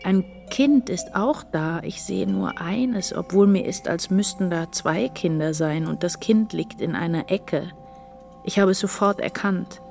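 A woman narrating in the first person in a dramatic literary reading, intense and halting. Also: fairly low pitch, creaky, darkish tone, faint music behind.

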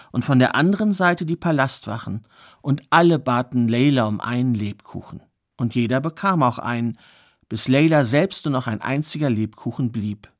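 A man telling a fairy tale aloud, in a measured, expressive way with pauses for effect. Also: medium pitch. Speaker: storyteller. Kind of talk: oral fairy tale storytelling.

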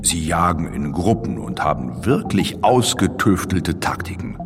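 A giant, friendly blue whale chats boastfully in a children's audio feature. The voice is very deep and swings freely up and down, taking its time over colloquial explanations. Music plays clearly behind it. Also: male voice, very animated, unhurried, big-room sound, heavily acted. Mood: chummy, explaining. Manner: colloquial, addresses the young listener directly.

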